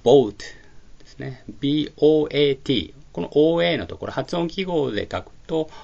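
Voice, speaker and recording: A man teaching a pronunciation lesson, speaking slowly and carefully, with frequent filler pauses. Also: on the high side, lively intonation, vocal fry, darkish tone. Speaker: English teacher. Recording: dull lo-fi recording.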